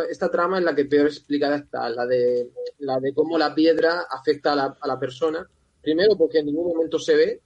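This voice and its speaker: A man's voice: on the high side, a little mellow, husky, no echo, muffled recording. A man chatting casually about films as a podcast panelist, conversational and given to exasperated rhetorical asides. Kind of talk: casual film discussion.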